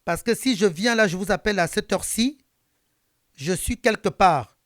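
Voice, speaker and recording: A man's voice: high-pitched, normal speed, fairly bright tone, no room sound, clean studio sound. A man quoting an anonymous woman caller who pleads with him insistently at night. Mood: pleading.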